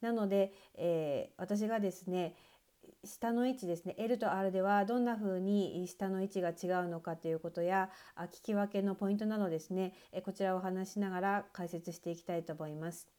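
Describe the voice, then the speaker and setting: Mellow-voiced woman teaching pronunciation. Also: medium pitch, fairly even intonation. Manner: patient, many fillers and "desu ne" pauses. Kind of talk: explanatory online lesson.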